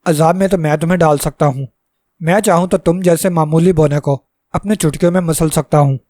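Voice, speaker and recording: A man's voice: on the high side, steady tone, warm tone, dry recording, lightly acted. A man playing a bold, boastful hero who makes menacing threats, in a read-aloud storybook. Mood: mocking.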